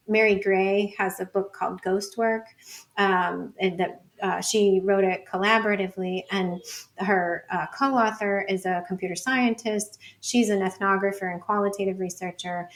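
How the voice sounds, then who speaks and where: A medium-pitched woman, appearing as a podcast guest and researcher, thinks out loud in a relaxed intellectual conversation, sprinkling in lots of "like" and "you know."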